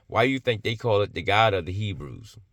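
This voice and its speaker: A man's voice: lowish voice, lively intonation, a little fast, a bit bright, no room sound, clean studio sound. A man giving an impassioned religious monologue, emphatic and blunt, firing off rhetorical questions and swearing freely.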